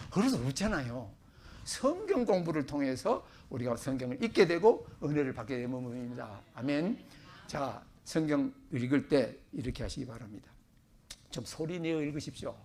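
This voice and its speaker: Brief: middle-aged pastor from Korea, slightly high voice with a gravelly edge, conversational sermon with loud bursts of emphasis. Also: male voice. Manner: chatty, self-joking preacher with sudden loud emphasis. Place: church sanctuary.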